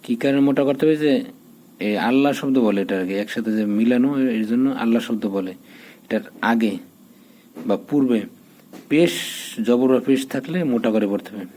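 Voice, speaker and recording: A man teaching recitation step by step, patiently spelling out each letter and vowel mark, then slowing into drawn-out chanting. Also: medium pitch, warm tone, a little hiss or hum, low-quality recording.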